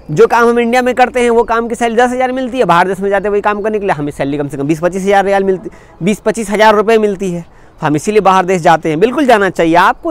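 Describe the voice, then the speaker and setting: Young man from India, vlogger, earnest and repetitive, fairly high voice, smooth and dry. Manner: earnest, repetitive advice to viewers. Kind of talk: direct-to-camera vlog talk.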